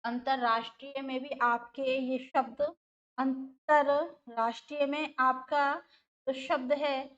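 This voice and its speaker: Woman teacher going over grammar for an exam, slow and patient, high bright voice. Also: steady tone, dull audio. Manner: explains slowly, repeating terms and asking questions of the class. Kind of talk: exam-prep grammar lesson.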